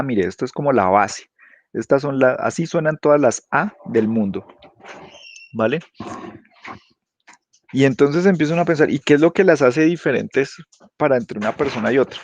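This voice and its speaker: A man teaching a class, explaining patiently and constantly checking understanding with quick tag questions. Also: mid-range voice, darkish tone, no room sound. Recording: dull lo-fi dry sound.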